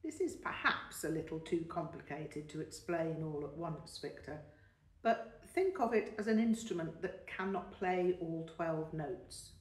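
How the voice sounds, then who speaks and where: Using a deep, expressive voice, a woman reads the audiobook role of an elderly music teacher, measured and explanatory as he patiently encourages his young student. The mic is distant and the sound roomy.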